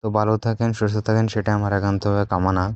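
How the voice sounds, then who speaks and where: A man's voice: on the low side, flat delivery, rapid-fire, clear, resonant tone, no echo, dull audio. A man talking casually to his video viewers as a self-styled tantric teacher, boastful and repetitive, like a salesman. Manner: boastful salesman tone, repeats phrases.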